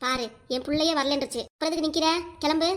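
A woman's voice: high-pitched, steady tone, quick pace, a bit bright. A woman voicing a scheming, bossy young wife in a cartoon comedy, with a southern Tamil Nadu accent and a scornful, taunting manner. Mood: angry. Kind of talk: cartoon comedy sketch acting.

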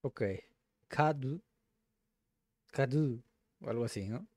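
A man hosting casual language practice, repeating words slowly to sound them out. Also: mid-range voice, a little mellow, no room sound, clean studio sound. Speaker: host.

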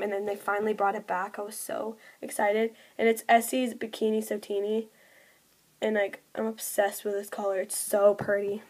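A young woman vlogging at home, chatting casually about her shopping haul, with lots of "like" and little giggly asides. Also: a little high.

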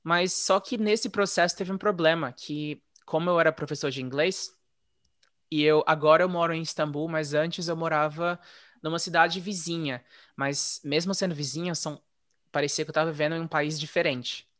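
A man telling his story in a relaxed, chatty way, as a guest in a casual interview. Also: fairly high pitch, normal speed, no echo, studio quality. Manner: relaxed, chatty, frequent "né?" tags. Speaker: interview guest, former English teacher living abroad.

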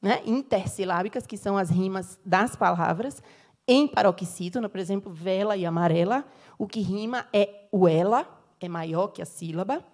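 A woman's voice: mid-range voice, moderate pace, a little mellow. A middle-aged Brazilian woman, a professor giving an academic lecture, explaining step by step and checking in with the audience with tag questions. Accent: Brazilian Portuguese. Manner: explanatory, frequent tag questions, gives sung examples.

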